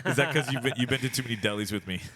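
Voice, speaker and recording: A man's voice: mid-range voice, racing. A man co-hosting a casual comedy podcast, joking and acting out voices as he tells stories. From Miami. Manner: animated, jokey, acts out voices in stories. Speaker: podcast co-host.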